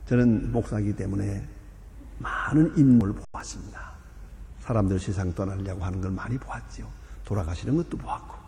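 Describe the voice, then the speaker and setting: An older man, a pastor, preaching and telling stories with sudden loud emphasis. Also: lowish voice, fairly quick, gravelly, a little hiss or hum. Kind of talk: sermon. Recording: long reverb of a church hall.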